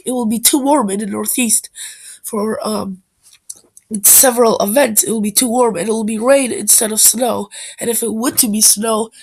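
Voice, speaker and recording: A woman's voice: on the high side, slightly rough, low-quality recording. A woman with a stuffed-up, nasal voice from a bad cold, informally narrating an amateur weather forecast video.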